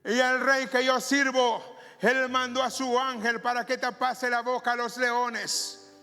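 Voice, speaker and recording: High-voiced preacher in a ringing church. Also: male voice, level tone, pushed and bright, clean tone. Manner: slow, emphatic preaching with drawn-out phrases. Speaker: pastor. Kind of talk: sermon. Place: church sanctuary. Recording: reverberant church hall with music behind.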